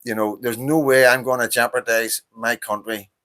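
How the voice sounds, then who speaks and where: Sharp and steady at a moderate pace, this mid-range male voice comes from a Northern Irish livestream host in his fifties. His casual talk on politics is a heated, impassioned rant, full of profanity and repetition.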